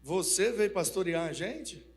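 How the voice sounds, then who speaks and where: Brief: man playing old elders doubting a newcomer, dismissive, high voice in an echoing hall. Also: animated, unhurried. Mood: skeptical. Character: elderly male church elders, skeptical. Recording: reverberant church hall.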